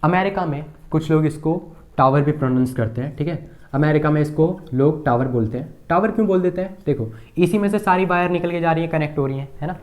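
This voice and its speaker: A man's voice: a little high, a little fast. A man teaching a computer lesson at a board, asking the class questions and repeating key terms with frequent checks.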